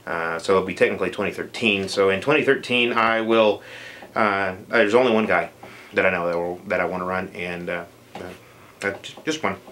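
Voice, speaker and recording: A man's voice: deep voice, brisk, a bit bright, slight background noise. A man vlogging answers to viewer questions in a casual chat, rambling with many fillers and dry jokes.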